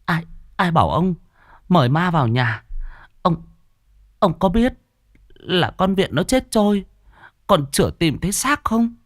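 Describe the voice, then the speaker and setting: A shrieking old village grandmother , put on by a male narrator, stammers and begs in a high, quavering voice. Her pitch leaps up and down as panic takes her. It is a dry, close audio-drama read. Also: big pitch swings, a little slow, pauses often, dry recording. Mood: frantic wailing. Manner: shrill, stammering, wailing pleas.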